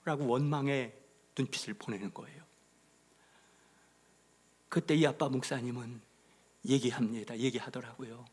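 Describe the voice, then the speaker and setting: A male pastor preaching a sermon, telling a story with sudden drops to a whisper and loud emphatic peaks. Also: medium pitch, fairly even intonation, normal speed, long pauses, husky. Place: church sanctuary.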